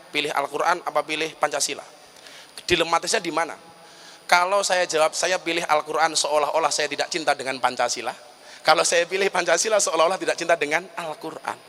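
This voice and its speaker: A man's voice: a little high, pushed and bright, slight background noise. A middle-aged man preaching a humorous sermon, full of joking asides. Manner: joking asides, then chanting and singing verses.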